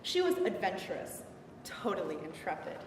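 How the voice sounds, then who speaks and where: A woman's voice: fairly low pitch, big pitch swings, moderate pace. A young woman performing a defiant, indignant biblical Eve in a sarcastic, emphatic, conversational stage monologue. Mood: wry, frank. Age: young adult. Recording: echoey hall from far off, some noise.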